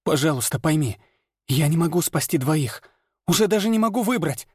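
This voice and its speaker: A man's voice: expressive, moderate pace, darkish tone, husky, dry recording, clean studio sound. Lana, a man voicing an ancient woman healer. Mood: pleading. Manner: shrill, pleading cries. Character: desperate 390-year-old woman healer.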